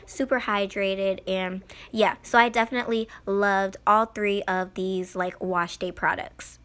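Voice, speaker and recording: Slightly hoarse woman, chatty product reviewer. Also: a little high, fairly bright tone. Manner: chatty, informal. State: recovering from a cold. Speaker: beauty vlogger. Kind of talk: casual product review voice-over. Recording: faint music under voice. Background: faint music.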